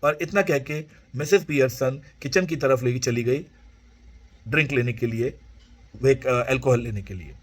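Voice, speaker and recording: A male English teacher explaining a play to students, retelling it in an animated way and mixing languages. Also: mid-range voice, normal speed. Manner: animated storytelling, mixes Hindi and English.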